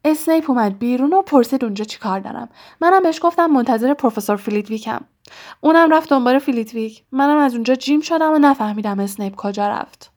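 A woman's voice: high voice, animated, a little mellow, voice pushed up. A woman reading as an anxious, clever schoolgirl. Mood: upset.

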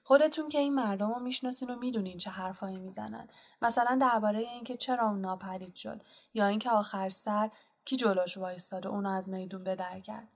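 A woman's voice: mid-range voice, natural voice. A woman voicing a stern, anxious older female witch professor in an audiobook, talking earnestly and pressing with questions. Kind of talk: audiobook character reading.

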